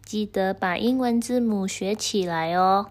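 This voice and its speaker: A woman storyteller reading a story to children and gently speaking to them directly. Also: mid-range voice, unhurried, over loud music.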